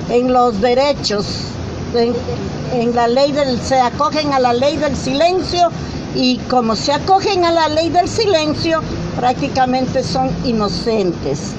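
An older woman from Ecuador with an Ecuadorian accent, speaking at an outdoor rally in an emotional, halting way, searching for words. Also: high voice, lo-fi sound. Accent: Ecuadorian Spanish. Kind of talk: public address at an outdoor protest. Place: outdoor city plaza with traffic. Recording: noisy outdoor street recording.

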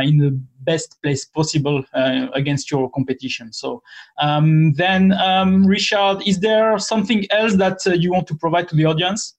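A man's voice: a little high, a little mellow, lo-fi sound. A man who is a non-native English speaker, hosting an interview conversationally and rewording his phrases as he goes. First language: not English. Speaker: interview host.

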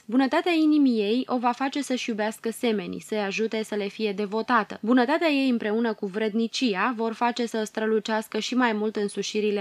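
A woman voicing a kind, loving female fairy who speaks in a warm, earnest way. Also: mid-range voice, no room sound, lightly acted.

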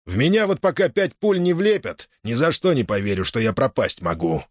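A man voicing a defiant captured Cossack who talks in a rough, folksy way. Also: mid-range voice, big pitch swings, brisk, dry recording, studio quality, pitched above the performer's own voice. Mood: urging.

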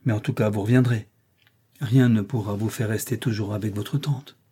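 A man reading an audiobook, voicing a brusque, teasing wealthy gentleman employer. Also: lowish voice, fairly even intonation, moderate pace, husky.

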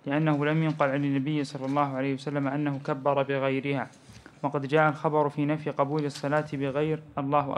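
Man reading a text fast and flat. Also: on the high side. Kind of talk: reading aloud a scholarly text.

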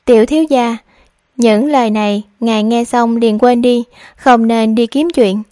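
A woman's voice: on the high side, steady tone, measured pace, mellow, no room sound, clean studio sound, natural voice. A woman voicing a scheming young maid, pleading. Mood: worried pleading. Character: scheming young maidservant, woman, feigning worry.

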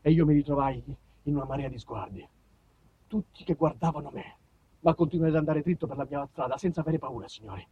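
A storyteller from southern Italy performs a theatrical comic monologue solo, addressing listeners directly with dramatic emphasis. His voice is a little high and husky. The recording has no echo but sounds slightly muffled, with faint background noise.

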